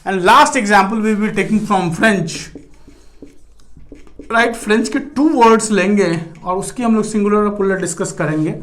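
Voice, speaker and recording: Indian male english teacher, high voice, mixes hindi and english, says "right" a lot. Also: measured pace, a bit bright. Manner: mixes Hindi and English, keeps asking "right" and calling viewers friends. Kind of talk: classroom grammar lecture.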